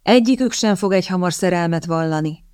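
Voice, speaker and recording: A woman voicing an anxious, sharp-tongued young lady in an audiobook, clipped and snappish. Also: fairly low pitch, clean tone, no echo, studio quality, natural voice. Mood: polite. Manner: clipped, snappish when pressed.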